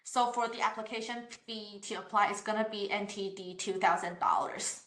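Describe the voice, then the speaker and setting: This admissions staffer speaks at a medium pitch and moderate pace, her tone steady and fairly bright. Reading and answering questions politely during the online session, she explains things with many hesitations, "uh" fillers, and false starts. The computer microphone captures noticeable room echo.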